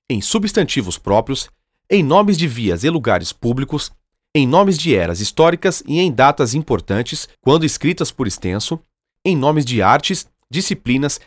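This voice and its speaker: A man reading a scripted lesson on grammar rules in an even, measured way. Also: a little high, no echo, clean studio sound. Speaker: grammar narrator.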